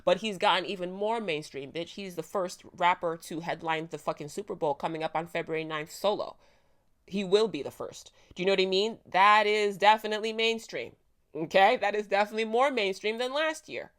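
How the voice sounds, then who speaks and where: A woman's voice: mid-range voice, a little fast. A woman hosting a reaction video, ranting bluntly and emphatically, with lots of swearing. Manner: blunt, profane, emphatic rant. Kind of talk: casual reaction commentary.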